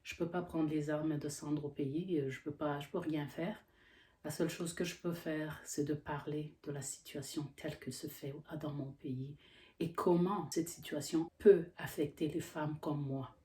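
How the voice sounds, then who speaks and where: A woman's voice: sits low, fairly even intonation, normal speed, mellow. A woman from Congo in middle age, a health professional, speaking earnestly with frequent hesitations. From Democratic Republic of the Congo. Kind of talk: earnest educational monologue.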